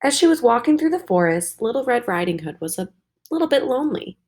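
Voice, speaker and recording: A woman teacher reading a storybook aloud to her students, slow and expressive. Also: on the high side.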